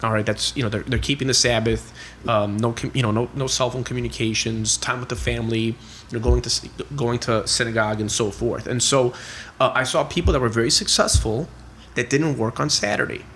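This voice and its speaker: A man's voice: medium pitch, fairly even intonation, fairly quick, fairly bright tone, slight background noise. Chatty middle-aged man telling stories. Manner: chatty, heavy on "you know" and "like" fillers; acts out family dialogue in quotes. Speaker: podcast guest, real estate investor. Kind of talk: casual storytelling interview.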